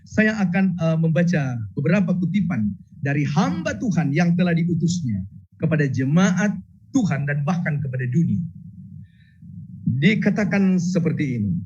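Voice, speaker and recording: High-pitched husky male preacher. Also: very animated, moderate pace, a little mellow. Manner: emphatic, repeats key phrases, addresses congregation directly. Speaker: evangelist preacher. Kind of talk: sermon with scripture reading. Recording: dull lo-fi sound.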